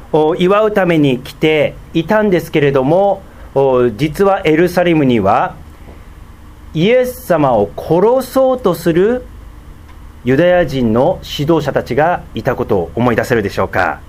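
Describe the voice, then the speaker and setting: Preaching a sermon, a pastor teaches slowly and deliberately, using many fillers and breaking into sudden emphatic rises. His voice is a little high and a little mellow.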